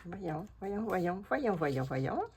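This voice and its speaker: A woman's voice: fairly low pitch, very animated, extremely slow, darkish tone, slight background noise. A woman with a Québécois French accent chatting casually as she makes a collage, thinking aloud to herself and her viewers. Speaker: collage artist. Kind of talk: casual craft vlog, talking while working.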